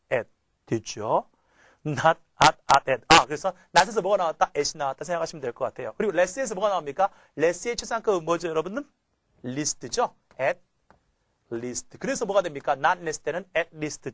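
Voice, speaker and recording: A man's voice: a little high, no echo. A man teaching English grammar in a recorded lecture, asking rhetorical questions and chanting phrases for his students to memorize. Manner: keeps asking rhetorical questions and tags "그렇죠?"; drills phrases by chanting them.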